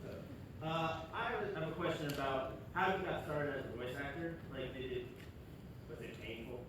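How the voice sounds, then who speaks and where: A man's voice: medium pitch, fairly quick. A man, a fan in the audience, eagerly asking the panel a question. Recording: echoey hall, distant camera mic, noisy.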